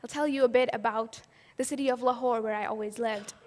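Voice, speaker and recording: Speaking at an event, an earnest Pakistani woman shares her personal story and asks the audience rhetorical questions. Her somewhat high voice has fairly even intonation and a darkish tone at a brisk pace, with long hall reverb trailing behind.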